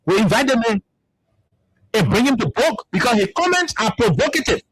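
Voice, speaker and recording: High-voiced impassioned Liberian man. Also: very animated, a little fast, fairly bright tone, husky, no echo, rough recording. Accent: Liberian English. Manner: impassioned, repeats words when heated. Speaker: talk show host. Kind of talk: political panel commentary.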